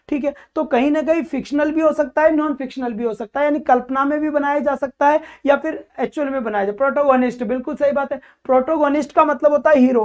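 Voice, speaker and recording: A woman teacher giving an exam-prep lecture. She asks questions and answers them herself, and keeps calling her students "child" affectionately. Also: high-pitched. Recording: dull lo-fi recording.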